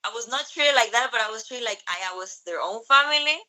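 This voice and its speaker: Bright-voiced young woman, hesitant speech. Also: a little high, lively intonation, quick pace, low-quality recording. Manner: hesitant, many fillers and restarts. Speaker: interviewee. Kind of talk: casual conversational recollection. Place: Greece.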